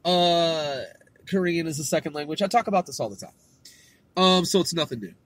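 On his own podcast, a middle-aged man with a West Coast accent delivers a rambling, slangy solo talk full of swearing and fillers. His voice is on the high side and fairly bright, he speaks fairly quickly, and there's no room sound.

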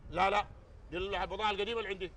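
A man's voice: sits high, fairly even intonation, very fast, fairly bright tone. A man with a Sudanese accent playing an exasperated shopkeeper in a comedy sketch, bickering with a customer. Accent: Sudanese Arabic. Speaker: comic actor playing a shopkeeper.

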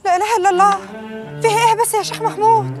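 A feisty young village woman in a film drama. Her voice is very high and quick, full of coy protests and anxious pleading, with music playing behind her. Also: fairly even intonation. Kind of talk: film acting.

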